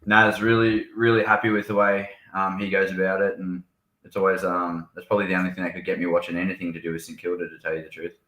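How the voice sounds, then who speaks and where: Man, Australian accent, regular panelist, laid-back and blunt, bright flat tone, roomy echo. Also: low-pitched, fast. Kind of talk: casual chat.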